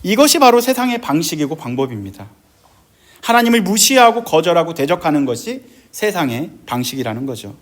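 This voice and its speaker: A middle-aged man pastor preaching a sermon, animated, acting out quoted voices with big jumps in his voice. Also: a little high, fairly quick.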